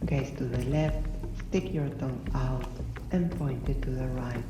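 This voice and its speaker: A woman narrating a scripted guided breathing exercise as an instructor, in measured, instructional phrases with short pauses. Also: extremely low pitch. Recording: roomy, distant voice under loud music. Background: loud music.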